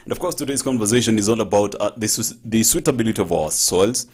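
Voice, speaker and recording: A man hosting a farming talk show, introducing guests and plugging social media smoothly. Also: on the low side, expressive, fast, a little mellow. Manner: smooth, promotional, many affirming interjections. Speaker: host.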